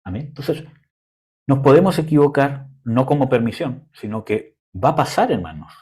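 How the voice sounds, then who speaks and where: A young man delivers a sermon in a loose, conversational way, stopping now and then to search for words. His voice sounds husky and a little breathy, at a middle pitch. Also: expressive, moderate pace, mellow. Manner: conversational preaching, frequent "¿cómo se llama?" fillers. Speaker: preacher.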